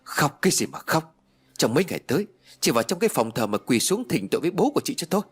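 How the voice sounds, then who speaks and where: A man voicing a harsh, domineering old mother-in-law who scolds and shouts in an audiobook. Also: mid-range voice, very animated, quick pace, breathy edge. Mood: furious scolding. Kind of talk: audiobook character voice.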